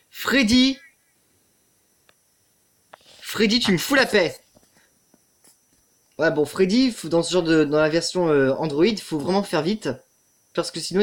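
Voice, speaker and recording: A man giving let's play commentary on a horror game, muttering to the game, swearing often and yelping when startled. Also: on the high side.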